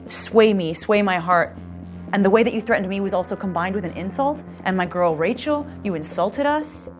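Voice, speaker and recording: A woman contestant giving a pointed, sassy confessional speech. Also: mid-range voice. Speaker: reality game contestant.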